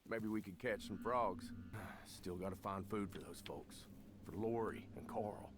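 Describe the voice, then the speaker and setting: Brief: male actor as a deep, tired game survivor talking to himself. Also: unhurried, lightly acted. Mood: weary. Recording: game clip, voice from far off.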